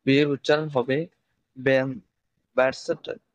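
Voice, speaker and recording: A man teaching English pronunciation, reciting letters in a steady, list-like way. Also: medium pitch, measured pace, dry recording, low-quality recording. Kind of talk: scripted pronunciation lesson.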